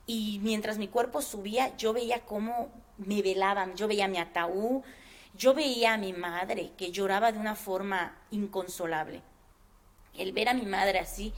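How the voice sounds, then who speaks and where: A woman giving a personal faith testimony in an interview, speaking earnestly and haltingly with many fillers. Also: mid-range voice, slight background noise.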